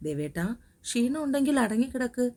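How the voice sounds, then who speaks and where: An affectionate young wife, soft and coaxing with her husband, as a woman narrator reads her. The tone is mellow and warm-edged. It sounds like a spoken romance storybook. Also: on the high side, very animated, fairly quick, pitched above the performer's own voice. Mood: tender. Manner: tender, coaxing.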